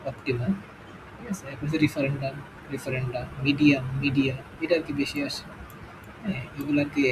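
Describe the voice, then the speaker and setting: A man's voice: fairly high pitch, noisy background. A man with a Bangladeshi Bengali accent teaching an exam-prep English lesson, explaining step by step and checking in with "okay?" after each point.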